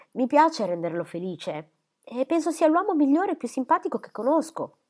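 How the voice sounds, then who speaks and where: Woman voicing a coquettish young lady, teasing and airy, lively swooping pitch, audiobook reading.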